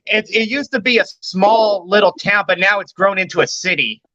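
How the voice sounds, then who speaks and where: A man from California's Bay Area, chatting casually, halting and repeating words, quick to laugh. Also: high voice, pushed and bright, no room sound, highs cut off. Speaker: co-host. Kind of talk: casual chat.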